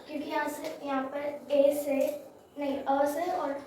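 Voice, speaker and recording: Slow, hesitant high-voiced female pupil. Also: level tone, warm tone, a little hiss or hum. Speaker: student. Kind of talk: answering in class. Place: classroom. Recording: echoey room from far off.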